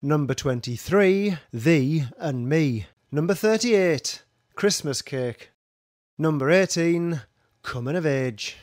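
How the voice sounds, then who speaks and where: A man's voice: fairly high pitch, lively intonation, takes it slowly, darkish tone. A man calling bingo numbers, each one followed by its traditional rhyme in a sing-song manner. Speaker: bingo caller.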